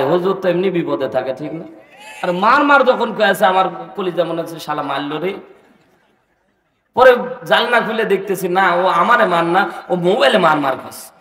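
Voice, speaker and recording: A man preaching a sermon, urging the crowd to answer him loudly and shouting his refrains. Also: high-pitched, echoey room, big-room sound, distant mic. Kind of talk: Bengali waz sermon. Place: outdoor religious gathering.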